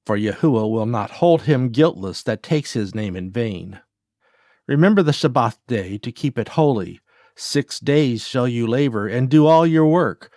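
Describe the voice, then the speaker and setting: A man's voice: mid-range voice, a little mellow, no room sound. Man reading scripture solemnly, dry sound. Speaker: scripture reader.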